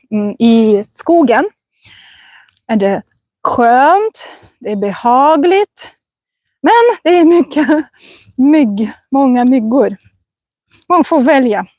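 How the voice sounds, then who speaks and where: Woman, language teacher, slow careful vlog speech, outdoors on a forest path, dry close sound. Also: high-pitched, darkish tone, dry recording.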